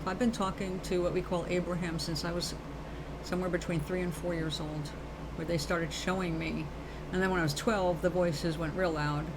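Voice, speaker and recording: Her voice sits on the low side, with noise in the background. This New York woman, speaking in her native accent, runs a live show where she rambles earnestly about spirit to her viewers, addressing them as baby and darling in casual spiritual talk.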